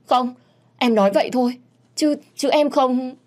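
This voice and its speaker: A woman voicing a crying young maidservant who pleads and apologizes in a husky, raised voice. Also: mid-range voice, lively intonation, measured pace, pitched above the performer's own voice. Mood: tearful pleading.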